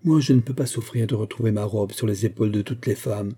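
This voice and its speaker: A man's voice: lowish voice, quick pace, mellow, husky. A man voicing an elegant society hostess who speaks with emphatic assurance. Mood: self-assured.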